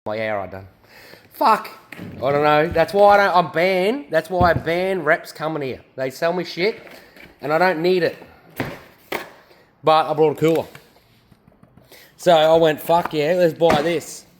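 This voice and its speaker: Australian bloke, casual garage vlog, rambling and profane, faint hum of the workshop behind him. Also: male voice, a little high, measured pace, long pauses, low-quality recording. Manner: rambling and profane, laid-back storytelling. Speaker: car builder and drift driver.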